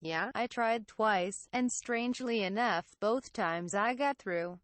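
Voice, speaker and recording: A woman voicing a frightened young man recounting eerie phone calls in a halting, uneasy way. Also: medium pitch, dry recording, natural voice.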